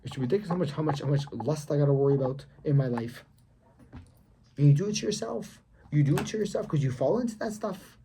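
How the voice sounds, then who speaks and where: Against a noisy background, a young man talks fast about his faith in a casual vlog monologue. His fairly high voice is animated, and his slangy, emphatic delivery repeats points while lecturing whoever is watching.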